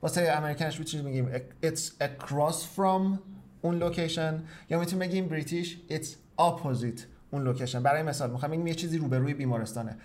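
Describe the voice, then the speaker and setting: A man teaching English directions in a bilingual lesson, explaining step by step and saying the English phrases slowly and carefully. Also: a little high, a little mellow.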